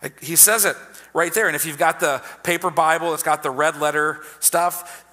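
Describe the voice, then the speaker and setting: A man's voice: fairly high pitch, fairly even intonation, normal speed, sharp tone. A man preaching a sermon as pastor, in a conversational style that repeats key phrases. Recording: long hall reverb.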